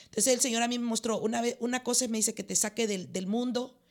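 Gravelly-voiced woman pastor. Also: on the high side, fast talker. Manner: lively storytelling, acting out dialogue. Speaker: pastor and prophet. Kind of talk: testimony in a faith talk.

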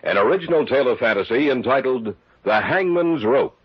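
A man announcing an old radio drama in a slow, solemn, theatrical way. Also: medium pitch, lively intonation. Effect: old radio show broadcast. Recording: dull old radio sound in a long echo, music behind.

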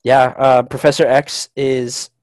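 A man chats on a podcast as an eager fan, tumbling through explanations and restarting his sentences. His voice sits at a middle pitch. The recording is dry and close, with no room sound. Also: slow, dry recording, poor audio. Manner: rambling, excitable fan talk with many restarts. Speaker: podcast co-host. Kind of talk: casual chat.

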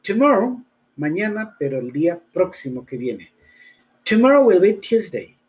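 A man whose first language is Spanish teaches English in a slow, careful bilingual lesson. His voice sits somewhat high for a man, and he talks at a deliberate pace. He repeats each phrase patiently and spells words out letter by letter. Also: big pitch swings, darkish tone.

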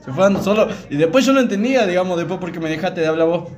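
A man's voice: high voice, lively intonation, rapid-fire, a little mellow, a little hiss or hum. A young man from Argentina, co-hosting a casual podcast and defending himself while telling a story. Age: young adult. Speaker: podcast co-host. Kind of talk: casual chat.

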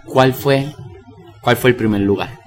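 A man hosting a podcast, asking eager, quick follow-up questions in a casual way. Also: mid-range voice. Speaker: podcast host.

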